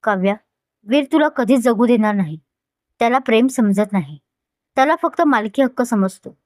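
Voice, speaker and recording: A woman's voice: fairly high pitch, lively intonation, normal speed, no room sound, clean studio sound, natural voice. A woman voicing a scheming, manipulative young woman who talks in a persuasive, insinuating way.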